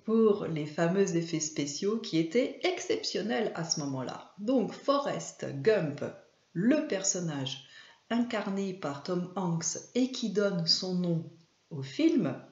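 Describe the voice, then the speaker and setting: A woman hosting a casual video about films, talking hesitantly with frequent fillers and pauses. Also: lowish voice, animated, darkish tone. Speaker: video host and trainer. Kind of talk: casual film commentary to camera. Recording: echoey room, slightly dull sound.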